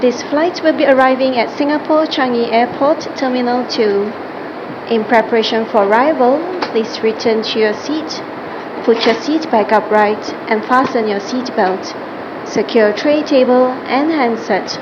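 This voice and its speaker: A woman's voice: fairly high pitch, measured pace. A woman flight attendant reading a scripted plane cabin announcement over a cabin speaker. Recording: dull lo-fi cabin PA, loud aircraft hum. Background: steady aircraft cabin noise.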